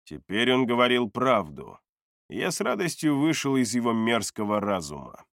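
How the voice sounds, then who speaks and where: A man narrating a first-person fantasy audiobook in a steady, measured manner. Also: mid-range voice, no room sound, clean studio sound.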